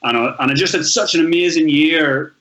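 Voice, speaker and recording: A Northern Irish man in his thirties, a travel blogger appearing as a podcast guest, tells his life story in a chatty, rambling interview full of restarts. His voice is on the high side and a little fast, with a sharp tone. The audio quality is poor.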